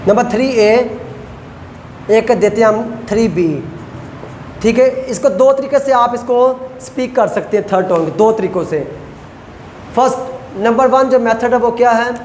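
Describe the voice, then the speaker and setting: A man teaching a class, explaining rules step by step and slowly repeating example phrases. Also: very high-pitched, a little mellow. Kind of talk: classroom lecture. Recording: echoey lecture hall with faint noise.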